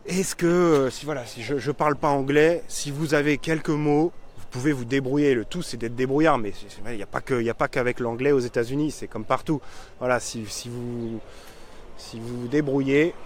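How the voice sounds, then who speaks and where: A man's voice: medium pitch, normal speed. A man hosting a casual live vlog on a town street, chatty and self-mocking, with many fillers and restarts. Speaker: vlogger showing a town on a live stream. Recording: faint street noise outdoors.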